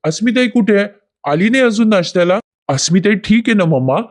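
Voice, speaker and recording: A woman's voice: medium pitch, expressive, brisk, darkish tone, voice pushed up, lightly acted. A woman reading the lines of a troubled young husband who turns curt. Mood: tense. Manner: clipped, curt when angered.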